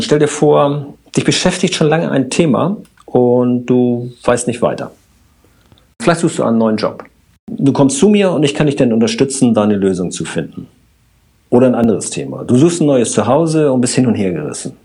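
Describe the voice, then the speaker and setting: A man, a systemic coach and podcast guest, explaining his work calmly with everyday examples. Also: mid-range voice, normal speed, husky. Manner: explains with everyday examples, addresses host directly. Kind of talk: calm explanatory conversation.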